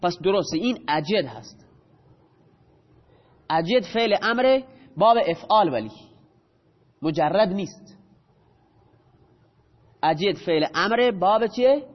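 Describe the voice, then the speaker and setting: A man with a high voice teaches a grammar class, taking each rule step by step and stopping to quiz his students. The audio is dull and muffled, and his voice rings with a long hall reverb. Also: expressive, pauses often. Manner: explains step by step, quizzes students with questions.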